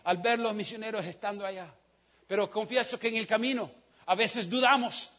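A man preaching a sermon, telling a story with passion, dropping to a hush and rising to shouts. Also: high voice, steady tone, moderate pace, highs cut off. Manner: impassioned storytelling, swings from hushed to shouting. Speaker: pastor.

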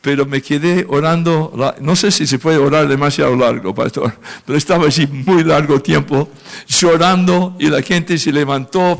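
A man, a pastor, preaching a testimony, speaking emotionally and lifting his voice high when he acts out his own prayers. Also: gravelly. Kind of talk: sermon testimony.

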